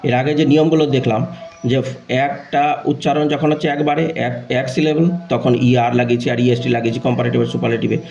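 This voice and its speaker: A man's voice: medium pitch, fairly even intonation, fast talker, creaky, a little mellow, muffled recording, faint music behind. A male English grammar teacher giving an online lesson, chanting word lists and lifting his voice to announce each new rule.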